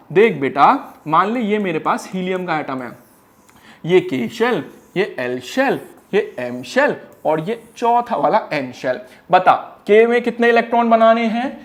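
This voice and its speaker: A man teaching an energetic one-shot lesson in a playful, teasing way. He fires quiz questions, answers them himself and stretches phrases into a singsong. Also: high voice. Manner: drags words out in a singsong way.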